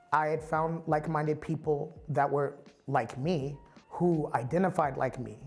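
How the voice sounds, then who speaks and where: A man's voice: on the high side, creaky. Candid man from the Bay Area. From San Francisco Bay Area. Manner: candid and reflective. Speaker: storyteller. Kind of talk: personal testimony.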